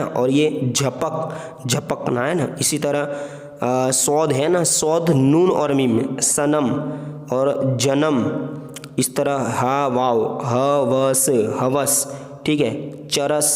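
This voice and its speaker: A man's voice: medium pitch, darkish tone. A man teaching an online reading lesson, sounding out letters and words one at a time and checking in with short asides. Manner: slow, spells out letters one by one with "है ना" and "ठीक है" checks. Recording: echoey room with long reverb.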